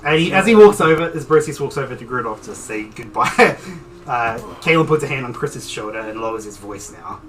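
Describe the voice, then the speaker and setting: A man's voice: mid-range voice, lively intonation, a little fast, crowd noise. A young man running a tabletop game as game master, casual and laughing often, with lots of fillers. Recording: distant mic with background music.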